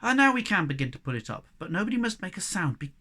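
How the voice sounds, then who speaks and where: Brief: a man putting on a pompous storybook Snork, higher and louder than his reading voice, barking orders. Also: sing-song, fast talker, exaggerated voice. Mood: sarcastic. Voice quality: pompous, commanding, sarcastic. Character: bossy self-important young male Snork.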